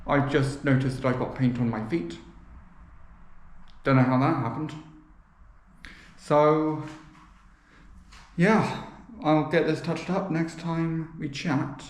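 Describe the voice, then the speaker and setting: A man's voice: on the high side, steady tone, slow pace, pauses often. A man chatting casually as he vlogs, his voice echoing heavily around a nearly empty indoor room. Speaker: vlogger. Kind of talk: casual chat to camera.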